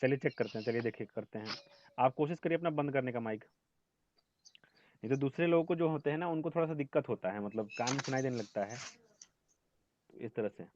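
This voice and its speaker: A man's voice: medium pitch, brisk, pauses often, lo-fi sound, slight background noise. A man teaching a math lesson over an online class, explaining step by step and often checking with his students. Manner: explains step by step, asks "ठीक है?" often, scolds students gently.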